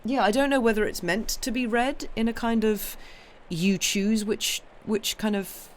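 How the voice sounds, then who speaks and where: After finishing a story, a livestream reader chats with viewers in a croaky, hoarse voice that's a bit high and a bit slow. She's young, friendly, and apologetic, rambling along with lots of ums and false starts.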